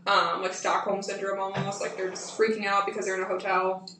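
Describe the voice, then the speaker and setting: A woman co-hosting a casual podcast, steadily explaining and recounting with the odd filler. Her voice sits at a middle pitch. She is off the mic in an echoing room with a faint hiss behind her. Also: flat delivery, fairly quick, sharp tone. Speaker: podcast co-host. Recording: echoey room, distant from the mic, faint noise.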